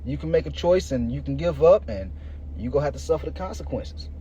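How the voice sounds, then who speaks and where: In his thirties, this podcast host and fitness coach speaks a little high, brisk and expressive, with a dark tone. He delivers a casual motivational monologue full of slang, talking straight to his listeners. The lo-fi recording is muffled and noisy.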